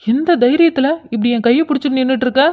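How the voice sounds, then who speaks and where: A woman's voice: high-pitched, fast, voice pushed down, lightly acted. A woman voicing a playful young male college senior who teases. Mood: teasing. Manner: playful, teasing. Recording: dull lo-fi sound.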